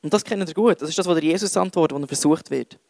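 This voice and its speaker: A man's voice: on the high side, very fast, creaky, darkish tone, no echo. A young man with a Swiss German accent giving a casual, self-mocking sermon full of jokey asides. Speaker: youth preacher.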